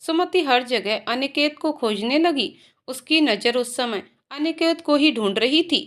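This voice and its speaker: A woman narrating a moral storybook tale with steady, emotive reading. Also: sits high, measured pace.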